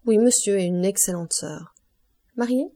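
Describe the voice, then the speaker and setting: A woman's voice: medium pitch, moderate pace, dark tone. A woman reading a classic novel aloud as an audiobook, voicing every character with light changes of tone. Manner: reads all characters in a lightly varied voice. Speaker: audiobook reader. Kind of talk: scripted narration of a classic novel.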